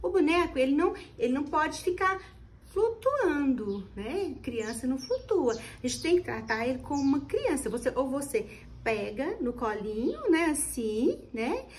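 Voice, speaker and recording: A woman teacher giving tips to other teachers on video, explaining in an animated way and often restarting her phrases. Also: high-pitched, moderate pace, slight background noise.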